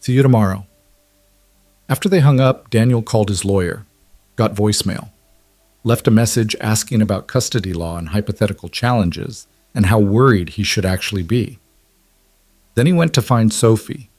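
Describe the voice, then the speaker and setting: A man reading a romance story aloud as narrator, in an even, measured way. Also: on the low side, dry recording. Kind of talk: scripted audiobook narration.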